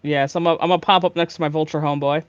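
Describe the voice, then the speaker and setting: A man's voice: fairly high pitch, fairly even intonation, clear, resonant tone, highs cut off. A man playing a tabletop game, bantering crudely and joking with his friends. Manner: joking, crude, quick with excuses. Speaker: player.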